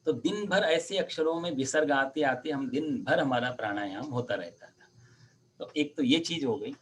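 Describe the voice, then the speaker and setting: A man's voice: mid-range voice, lively intonation, a little hiss or hum. A man teaching Sanskrit pronunciation on a video call, patiently drawing out each sound. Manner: patient, explains sounds by drawing them out slowly. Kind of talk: online Sanskrit pronunciation lesson.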